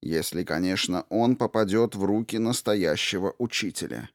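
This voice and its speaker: Low-voiced male audiobook narrator. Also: normal speed, no echo, clean studio sound. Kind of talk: scripted fantasy narration.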